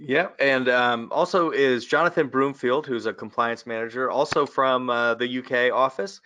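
A man hosting an informal webinar, speaking hesitantly with frequent pauses. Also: medium pitch, sharp tone, no echo. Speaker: webinar host.

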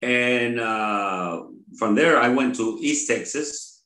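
An older man from Mexico, a pastor, talking in an interview in a halting way with many pauses and fillers. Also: mid-range voice, sharp tone. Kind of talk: conversational interview. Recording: roomy echo.

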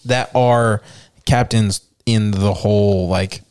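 A man's voice: lowish voice, steady tone, takes it slowly, darkish tone, smooth. A young man co-hosting a casual podcast, blunt and emphatic, swearing heavily. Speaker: podcast co-host. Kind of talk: casual chat.

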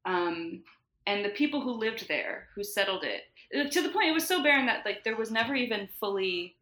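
A woman's voice: medium pitch, expressive, fairly quick, a bit bright. A woman from New Jersey, a podcast guest, explaining eagerly in casual chat and leaning on "like" fillers. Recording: roomy echo.

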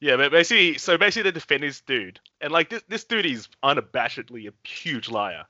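A man's voice: on the high side, sing-song, a little fast, bright, forceful tone, dry recording, muffled recording. A man co-hosting a podcast, chatting casually with lots of fillers and restarts. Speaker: podcast co-host. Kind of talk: casual chat.

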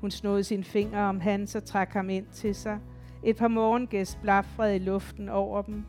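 A woman's voice: mid-range voice, level tone, a little mellow, soft background music. Woman reading a literary audiobook. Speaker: audiobook narrator.

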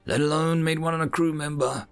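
A man's voice: on the high side, fairly even intonation, a little fast, vocal fry, smooth, soft background music, pitched above the performer's own voice. A man voicing a nervous male insectoid alien crewman who talks in an anxious, pleading way. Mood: uneasy.

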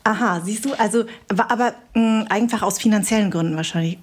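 A woman's voice: medium pitch, a little fast. A woman hosting a podcast, chatting casually and encouraging her guest with frequent short affirmations. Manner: engaged listener, frequent affirming interjections. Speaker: podcast host. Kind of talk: casual interview chat.

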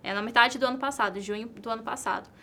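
A Brazilian woman with a fairly high, bright voice, speaking as an entrepreneur in an interview. She talks earnestly and repeats her key points for emphasis. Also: fast. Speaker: entrepreneur and content creator. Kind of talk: interview answers.

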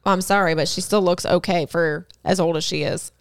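A woman's voice: on the low side, steady tone, moderate pace, no room sound, studio quality. A woman co-hosting a casual podcast, talking frankly and laughing often. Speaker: podcast co-host. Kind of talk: casual explicit chat.

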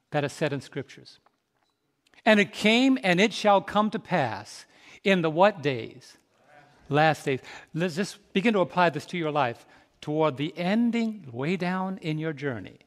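During a sermon, a high-voiced man in his fifties, a pastor, poses questions for his congregation to answer. He shifts between hushed, slow reflection and loud, climbing exhortation, and his voice hangs in the lingering reverb of a large hall.

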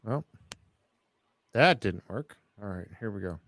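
A man's voice: on the low side, animated, unhurried, a bit bright, dry recording. A man hosting a casual radio chat, easygoing and chuckling while fiddling with his equipment. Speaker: radio show host.

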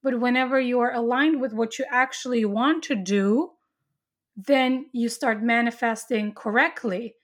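A woman's voice: fairly high pitch, unhurried. A woman chatting casually, earnestly explaining her spiritual beliefs at length with frequent restarts.

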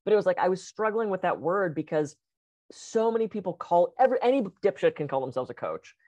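A woman's voice: lowish voice, expressive, fast, dark tone, no room sound. A woman podcast co-host and coach telling a candid story in a casual chat, swearing freely. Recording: dry, dull lo-fi sound.

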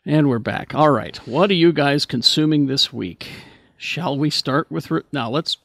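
A man hosts a casual panel chat in a somewhat high voice with noticeable fry. He speaks haltingly, and the sound is close and dry. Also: a bit bright, dry recording. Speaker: podcast host.

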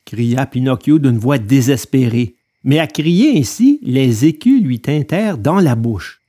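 Expressive male storybook narrator. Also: mid-range voice, a little slow.

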